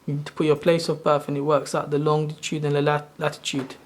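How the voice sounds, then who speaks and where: A man's voice: on the high side, monotone, quick pace, slight background noise. A man in his thirties from Sri Lanka, hosting his own channel and talking through a screen-share tutorial in a loose, rambling way, often correcting himself as he goes. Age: 30s. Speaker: channel host.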